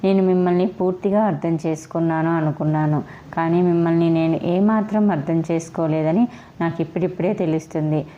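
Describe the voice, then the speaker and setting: A woman's voice: lowish voice, steady tone, fairly quick, warm tone, slight background noise, natural voice. A woman reading as a remorseful young wife pleading. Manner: earnest, apologetic pleading. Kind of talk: storybook reading. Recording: dull lo-fi recording.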